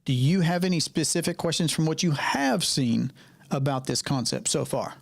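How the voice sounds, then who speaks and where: Conversational coach on a video call. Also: male voice, fairly high pitch, expressive, moderate pace, gravelly. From North Carolina. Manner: conversational, repeats key phrases, addresses participants by name. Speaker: financial coach hosting a Q&A. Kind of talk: live online Q&A.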